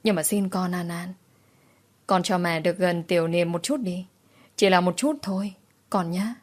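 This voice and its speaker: A woman voicing a tearful older mother-in-law, speaking softly in a choked, pleading way. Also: fairly low pitch, moderate pace, natural voice.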